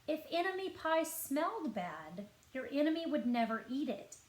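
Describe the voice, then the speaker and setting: A woman's voice: high-pitched, big pitch swings, normal speed, pitched above the performer's own voice. Woman reading as a knowing storybook dad, echoey. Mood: explaining. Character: clever middle-aged dad sharing a secret, kindly. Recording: echoey, roomy sound.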